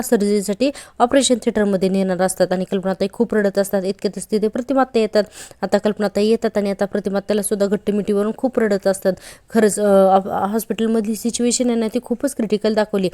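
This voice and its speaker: A woman's voice: medium pitch, dark tone, clean tone, no echo, studio quality. A woman casually recapping a TV serial episode, chatty and speaking straight to her viewers. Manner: chatty, addresses viewers directly, frequent filler particles. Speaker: serial review host.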